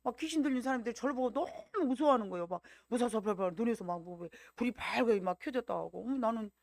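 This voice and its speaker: A woman pastor with a Jeolla accent, preaching a sermon as a lively storyteller who acts out what people said. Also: fairly high pitch, fast, no echo, studio quality. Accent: Jeolla Korean. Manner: lively storytelling with acted-out quotes. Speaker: senior pastor.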